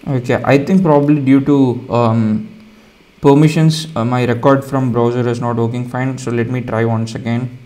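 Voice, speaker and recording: A man with an Indian accent hosting a casual coding tutorial, explaining each step in a relaxed way with frequent ums and uhs. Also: medium pitch, moderate pace. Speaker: tutorial host.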